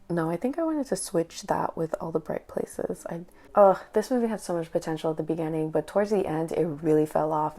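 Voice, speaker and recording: A young woman vlogging casually, chatty and full of quick asides. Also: on the low side, gravelly, mellow. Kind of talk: casual chat.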